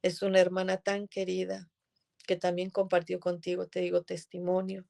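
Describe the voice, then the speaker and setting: A woman's voice: fairly low pitch, completely flat delivery, normal speed, vocal fry, dark tone. A woman giving an earnest, emotional religious testimony as a guest in conversation.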